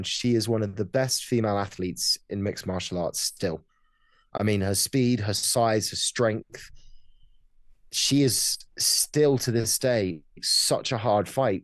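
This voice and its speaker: Male sports podcast host, medium pitch, conversational commentary, recorded dry. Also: no room sound.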